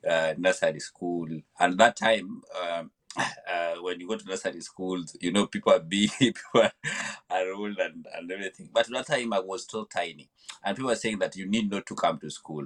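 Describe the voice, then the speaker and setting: A man's voice: sits low, fairly bright tone. A man from Kenya with a Kenyan accent, a podcast guest telling reflective stories and often repeating words as he searches for them. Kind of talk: reflective interview storytelling.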